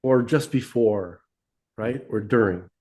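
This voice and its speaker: A man co-hosts a podcast in a casual religious discussion, his voice fairly low, slow, and a little mellow. He rambles through his views, restarting often and tossing in tag questions like "right?" and "okay?"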